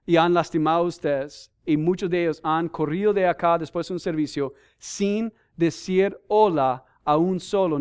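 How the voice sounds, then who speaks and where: A man with a high, ringing voice preaches a sermon to his congregation. He works through numbered points and scripture references, pausing to put questions to the listeners. His tone stays earnest and emphatic throughout. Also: darkish tone, clean tone. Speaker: missionary preacher.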